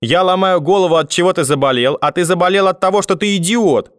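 Man voicing a shrill scolding old grandmother. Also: animated, brisk, no room sound, studio quality. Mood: furious scolding. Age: older. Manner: shouting insults, high and loud. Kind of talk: audiobook character voice.

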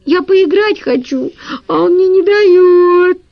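A shrill, whiny little girl. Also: slow, dull audio, exaggerated voice. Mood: whining. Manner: shrill, wailing complaints.

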